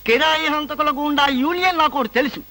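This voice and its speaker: A mocking, scheming lawyer. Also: male voice, very high-pitched, fast, creaky, sharp tone, heavily acted, rough recording. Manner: mocking, teasing. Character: scheming comic male lawyer. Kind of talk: comic film dialogue.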